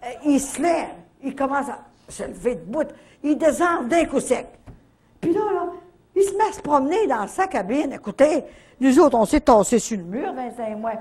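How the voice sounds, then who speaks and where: An older woman with a Canadian French accent telling a faith testimony at a retreat, in a lively storytelling manner full of little verbal tags. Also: high-pitched, normal speed, husky. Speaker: retreat speaker.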